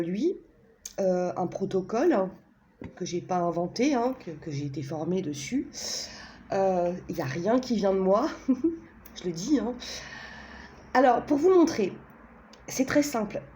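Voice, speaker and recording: A woman's voice: medium pitch, expressive, a little slow, long pauses, mellow, slight background noise. A woman casually presenting a pendulum and a card deck, talking hesitantly with many fillers and tag questions, chatty and self-mocking.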